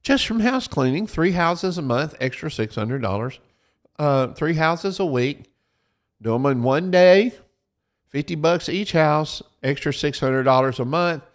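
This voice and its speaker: A man with a slightly high, expressive voice speaks at a measured pace, addressing his viewers like a preacher at the pulpit. It's preaching-style financial advice, delivered in a folksy, repetitive way that keeps circling back to his points. Again and again he tells people to write things down.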